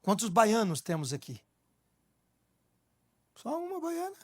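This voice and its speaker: A middle-aged man, preaching a live church sermon. He repeats his exhortations, swinging between shouts and hushed words. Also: high-pitched, wildly swooping pitch, takes it slowly, dry recording. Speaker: pastor. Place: church service before a congregation.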